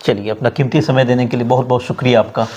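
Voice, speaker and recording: A man's voice: mid-range voice, little pitch movement, quick pace, darkish tone. A man hosting a local news interview, asking brief, polite questions.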